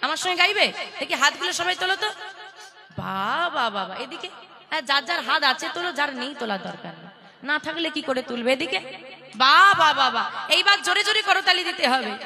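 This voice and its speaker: A woman's voice: high-pitched, expressive, a little fast. A woman giving a playful devotional sermon to a seated audience, teasing listeners and calling them to chant along. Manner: playful, teasing the audience, calls for call-and-response. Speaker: kirtan preacher. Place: religious gathering before a seated audience. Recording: loud live music behind the voice. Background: devotional music.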